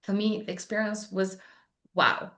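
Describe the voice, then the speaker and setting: A woman's voice: mid-range voice, a little slow, a bit bright. A woman from Tunisia, a native Arabic speaker with a North African, Tunisian accent, telling a personal story in conversation. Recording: roomy, echoey sound.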